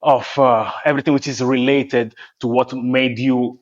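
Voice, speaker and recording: A man hosting a podcast as a health coach, asking questions in a halting way with many restarts. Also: medium pitch, little pitch movement. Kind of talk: podcast interview. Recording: dull lo-fi audio.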